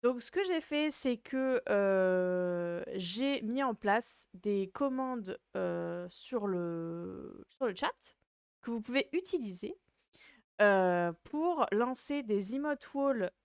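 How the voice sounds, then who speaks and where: A woman's voice: medium pitch, expressive, takes it slowly, smooth, no echo, clean studio sound. A woman hosting a livestream in casual chat, with a cute, playful and rambling, hesitant way of talking. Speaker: VTuber livestream host.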